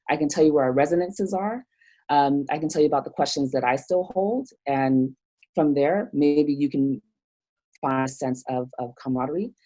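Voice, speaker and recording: Born in Nigeria, this woman appears as a theologian guest in a reflective interview conversation, speaking in a thoughtful, hesitant way with many fillers and restarts. Her voice is very deep and warm, though the audio quality is poor.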